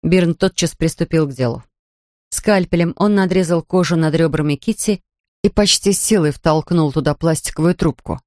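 An audiobook narrator reading in a tense, measured way at a middling pitch. The recording is dry and close, with no room echo. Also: darkish tone.

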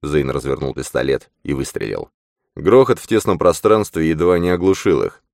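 Very deep male audiobook narrator. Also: lively intonation, moderate pace, creaky, a little mellow, no room sound, clean studio sound. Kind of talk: scripted narration.

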